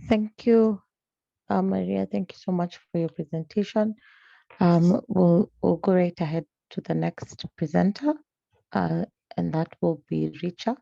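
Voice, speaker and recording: A woman's voice: lowish voice, fairly even intonation, unhurried, gravelly, dark tone, dry recording, muffled recording. A woman moderating, briefly and politely handing over to the next presenter. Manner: brief, polite hand-over between speakers.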